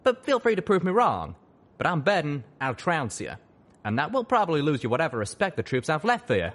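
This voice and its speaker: A man's voice: fairly high pitch, huge pitch swings, fairly quick, a bit bright, pitched above the performer's own voice, full character voice. A man voicing a young male pegasus pony, a folksy wisecracking friend who drawls in slang. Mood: wry.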